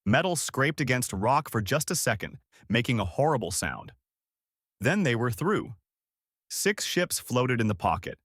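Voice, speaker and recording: A man narrating a science-fiction story in a steady, expressive reading. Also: medium pitch, unhurried, dry recording, clean studio sound.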